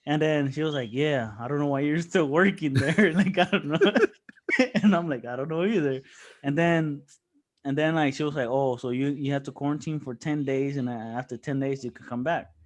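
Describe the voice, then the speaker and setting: A man's voice: on the high side, a little fast. Laughing, swearing man telling a story. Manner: animated storytelling, swears often, laughs a lot. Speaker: podcast co-host. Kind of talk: casual chat.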